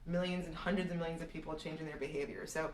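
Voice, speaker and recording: A woman from Serbia with a low voice and fairly even intonation answers live-stream viewers' questions about the market at a quick pace. As a real estate analyst thinking aloud, she restarts often, and the distant mic leaves her sounding echoey and off-mic.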